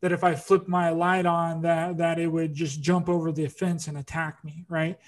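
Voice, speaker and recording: A man's voice: on the high side, flat delivery, moderate pace. A man hosting a podcast interview, telling a rambling story with lots of fillers and restarts. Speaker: podcast host. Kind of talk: casual interview chat.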